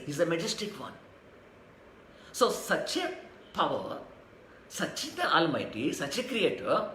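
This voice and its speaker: Guy giving a spiritual sermon, higher voice, echoey room w faint hum. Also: a bit bright. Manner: rhythmic, repeats phrases, chants verses. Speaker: spiritual teacher. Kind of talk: devotional sermon.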